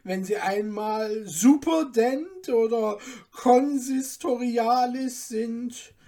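A woman's voice: on the high side, very slow, dark tone, voice pushed up. A woman doing a coaxing disguised moneylender. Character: young man posing as kindly moneylender.

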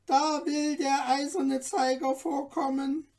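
A woman voicing a tiny, courteous and excitable male dwarf guide in a storybook reading, speaking in an ornate, eager way. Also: slow pace. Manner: ornate, polite, squeaky and eager.

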